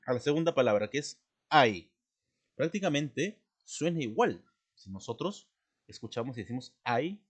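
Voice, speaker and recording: A middle-aged man teaching a spelling lesson, speaking slowly and repetitively, often checking in with his students and clearing his throat. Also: medium pitch. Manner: slow, repetitive, checks in with "¿no?" and "¿de acuerdo?".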